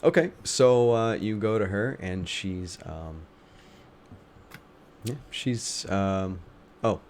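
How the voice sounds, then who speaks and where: A man improvising narration as a tabletop game master, thinking aloud in a halting way. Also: lowish voice, a little mellow, slight background noise.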